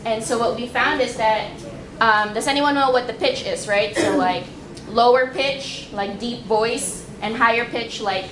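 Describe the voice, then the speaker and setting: A woman's voice: on the high side, a little slow. A young woman researcher giving a casual public science talk, with lots of fillers and restarts. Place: library meeting room. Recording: echoey room with background noise.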